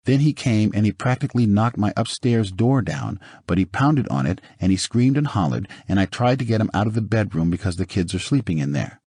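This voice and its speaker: A man's voice: on the low side, lively intonation, a little fast, hardly any pauses, mellow, slightly rough, no room sound, clean studio sound. A man voicing a frightened woman who pleads on an emergency call, on the verge of sobbing. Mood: shaken. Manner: pleading, breaking into sobs.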